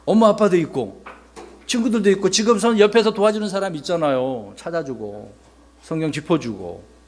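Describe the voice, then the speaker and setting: A male pastor giving a playful, animated children's sermon, often asking the kids questions. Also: sits high, a little fast.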